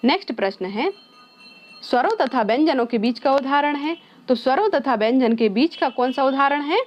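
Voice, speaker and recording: A woman's voice: sits high, expressive, moderate pace, a little hiss or hum. A woman teaching an exam-prep lesson who mixes English words into her explanation. She asks her own questions and then answers them. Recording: slightly dull, lo-fi sound.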